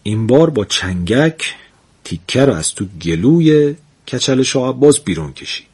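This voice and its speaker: Husky-voiced male folk storyteller. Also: medium pitch. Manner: lively, chuckling storyteller.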